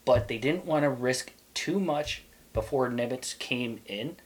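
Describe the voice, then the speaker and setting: A man's voice: mid-range voice, a little slow. A man from Quebec chatting casually about history on a podcast, rambling along with plenty of fillers and restarts. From Quebec, Canada. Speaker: podcast guest.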